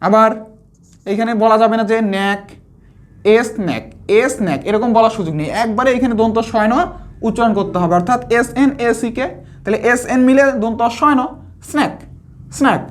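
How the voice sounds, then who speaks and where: বানান ধরে ধরে পড়ানো শিক্ষিকা. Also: female voice, on the high side. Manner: spells words letter by letter, then asks and answers her own questions. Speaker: teacher. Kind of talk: pronunciation lesson.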